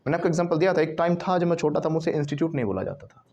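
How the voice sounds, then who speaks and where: A man teaching English to a classroom of students, drilling words loudly and laughing often. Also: fairly high pitch, expressive, very fast, lo-fi sound.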